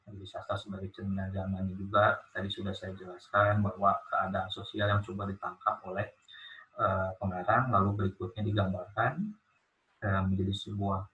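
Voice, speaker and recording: Bright-voiced man giving a lecture. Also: sits low, muffled recording. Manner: hesitant, many fillers and "gitu kan ya" tags. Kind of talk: recorded university lecture.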